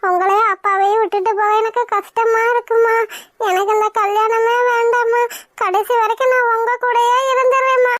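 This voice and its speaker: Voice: little pitch movement, a little fast, a bit bright, no echo, clean studio sound, faint music behind. A performer voicing a young woman in a cartoon who is torn and tearful about leaving her parents. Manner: high-pitched, weepy pleading. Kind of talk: cartoon voice acting.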